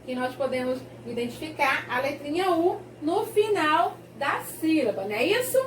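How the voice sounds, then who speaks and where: A woman teacher with a Brazilian accent talks young pupils through their workbook in a very high voice that rises and falls a lot. She paces everything slowly and clearly, in a sing-song way. She sits a little back from the microphone in an echoey room with a faint hiss behind her. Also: expressive, distant mic. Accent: Brazilian Portuguese. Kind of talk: remote class lesson reading a textbook.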